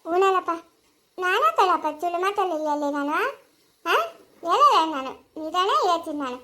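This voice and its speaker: A woman's voice: very high-pitched, moderate pace, pushed and bright. A woman playing a simple-minded young daughter who lisps and pleads earnestly in a family skit. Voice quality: lisping, childlike speech.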